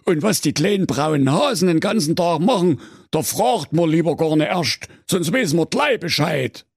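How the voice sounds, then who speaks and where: A man's voice: on the high side, lively intonation, normal speed, breathy edge, dry recording, clean studio sound. A man voicing a naive, muddled fairy-tale brother who rambles and bumbles through his complaints. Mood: complaining.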